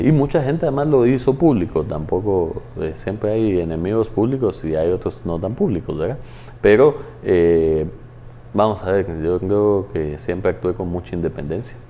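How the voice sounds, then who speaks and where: A man speaks low and mellow in a TV studio interview. He explains things in a measured way, pausing often on hesitant fillers. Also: animated, slight background noise. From Guatemala. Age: 30s. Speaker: guest, former tax agency head.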